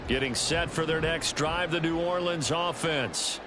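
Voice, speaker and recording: A man's voice: fairly high pitch, measured pace, music in the background, natural voice. An American man giving play-by-play football commentary in a video game.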